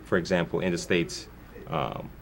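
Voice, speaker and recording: A man's voice: low-pitched, moderate pace. A man born in Guyana, a foundation founder speaking as a guest in a television interview, talking earnestly in long winding sentences with many restarts.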